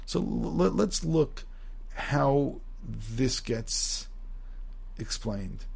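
Guy teaching a text class, gravelly kinda husky voice, reads hebrew bits then explains, lots of you-knows. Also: mid-range voice, expressive, very slow. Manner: reads Hebrew sources aloud, then explains, with many restarts and "you know". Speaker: Torah teacher. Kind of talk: text-based class lecture.

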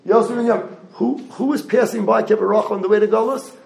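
A man giving a Torah lecture, animated, asking the audience rhetorical questions. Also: high voice, quick pace, vocal fry, roomy sound, rough recording. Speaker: rabbi lecturer.

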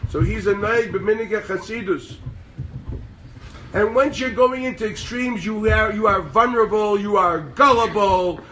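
Man, rabbi lecturing, animated and sarcastic, high voice, heavy background noise. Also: a little slow. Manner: animated, sarcastic, mixes Hebrew terms into speech. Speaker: rabbi teaching a class. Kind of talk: Torah lecture to a group. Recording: distant mic with loud background noise.

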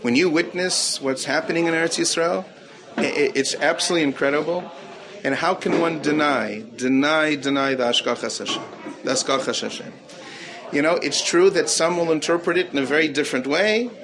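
Gravelly male rabbi, earnest teaching voice, repeats phrases for emphasis, audience murmur behind. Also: a little high, a little fast, crowd noise. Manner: earnest, repeats key phrases for emphasis, mixes Hebrew terms into English. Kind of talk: Torah talk answering questions.

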